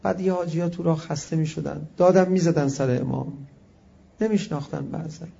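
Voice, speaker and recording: A male preacher delivering a religious sermon in an impassioned way, full of rhetorical questions and swinging from hushed to loud. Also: a little high, steady tone, creaky, slightly rough, muffled recording.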